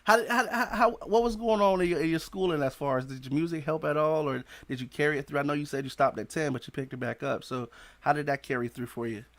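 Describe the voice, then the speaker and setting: A man's voice: on the high side, steady tone, quick pace, fairly bright tone. A man in his thirties hosting a podcast interview on a headset mic, asking loose, rambling questions full of slang. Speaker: podcast host. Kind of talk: casual interview. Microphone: headset with studio mic.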